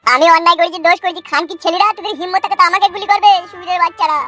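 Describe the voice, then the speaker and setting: In a comic cartoon, a woman voices a fiery, hot-headed young village man vowing revenge, his voice bright and high for a man. He pleads while rattling off crude, swearing rants at breakneck speed, his tone steady.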